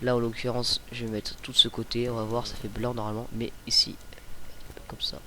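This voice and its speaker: A young man hosting a casual screen-recorded software tutorial, chatty and hesitant, with many fillers and self-corrections. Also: medium pitch, flat delivery, a little fast, a little hiss or hum. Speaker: tutorial host.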